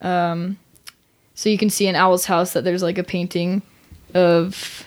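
A woman's voice: lowish voice, level tone, a little slow. A woman chatting informally and giggly as a podcast co-host. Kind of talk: casual chat.

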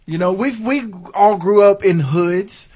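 A man's voice: high voice, unhurried, slightly rough. A man co-hosting a casual talk show, joking and swearing as he chats with friends. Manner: animated, joking, profane. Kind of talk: casual banter.

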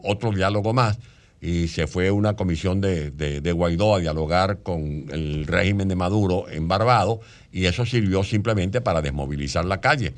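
Man, low-pitched guest author, talks at length in explanations. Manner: long explanatory answers. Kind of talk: radio interview.

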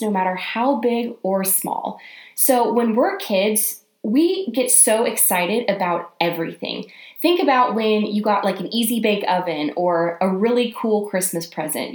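Bubbly woman in her twenties, roomy sound. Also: mid-range voice. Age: 20s. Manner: upbeat and bubbly, often speeding up when excited. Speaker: podcast host. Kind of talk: casual solo podcast talk. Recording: roomy echo.

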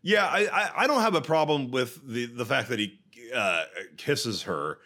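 A man's voice: mid-range voice, normal speed. A man co-hosting a podcast, talking about movies in a casual, profane way with many restarts. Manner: animated, swearing, rambling restarts. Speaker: podcast co-host.

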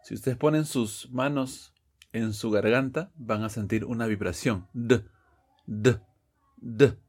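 A man's voice: mid-range voice, darkish tone. A man teaching English pronunciation in a podcast lesson, explaining step by step and often checking with "ok?".

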